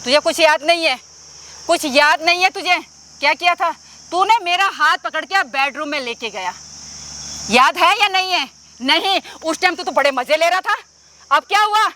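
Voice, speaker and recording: A woman's voice: extremely high pitch, expressive, moderate pace, bright, forceful tone, a little hiss or hum, heavily acted. A woman playing a brazen, domineering middle-aged mother-in-law in an amateur skit, talking in a pushy, taunting way. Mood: demanding.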